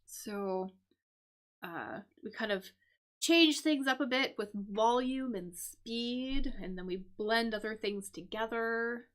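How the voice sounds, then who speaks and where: A woman hosting a live-stream English lesson, explaining crossword clues slowly with many fillers and repeated "right?". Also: a little high, fairly bright tone. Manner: slow, repetitive explaining with frequent fillers and "right?".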